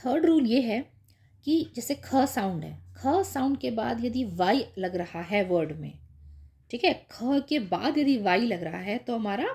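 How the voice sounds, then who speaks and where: Woman teacher, unhurried, a touch high; patient, repetitive spelling lesson for small children. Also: lively intonation, warm tone. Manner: patient, repeats with "ठीक है" and "है ना" checks. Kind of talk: explaining spelling rules to young kids.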